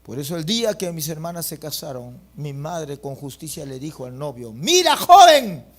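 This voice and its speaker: A middle-aged man preaching a fiery sermon as pastor, breaking into loud bursts and acting out quotes. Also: fairly high pitch, a little fast.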